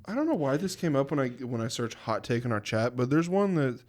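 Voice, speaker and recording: A man's voice: medium pitch, very animated, brisk, a little hiss or hum. A young man co-hosting a podcast in casual chat, joking and teasing his friend. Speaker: podcast co-host.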